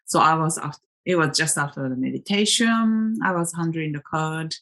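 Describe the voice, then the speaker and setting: A woman's voice: low voice, moderate pace, fairly bright tone. A woman from Japan, a native Japanese speaker, rambling casually and reflectively about tarot in a vlog. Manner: chatty and reflective, many fillers and restarts. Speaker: tarot vlogger.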